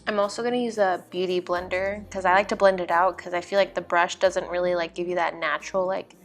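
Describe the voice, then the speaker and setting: Music plays in the background as a young vlogger casually talks through her makeup routine. Her voice is lowish and steady, and she speaks quickly in a chatty, informal manner.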